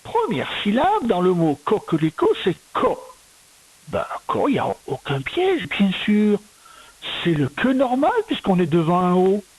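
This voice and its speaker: A woman's voice: medium pitch, big pitch swings, darkish tone, breathy edge, rough recording. A woman teaching a young child to spell, sounding out words one syllable at a time in a patient, step-by-step way. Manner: slow, patient, syllable-by-syllable dictation. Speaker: primary school teacher. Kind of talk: recorded reading and spelling lesson for a young child.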